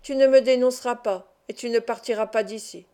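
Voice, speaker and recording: A woman's voice: a little high, steady tone, moderate pace, dark tone, close to an everyday voice. A woman reading the part of a bitter, scornful young male thief in an audiobook. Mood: furieux. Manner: angry reproachful.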